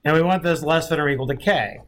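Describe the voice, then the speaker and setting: A man's voice: on the high side, quick pace, fairly bright tone. A male math instructor giving a classroom lecture, thinking aloud and often checking in with his students.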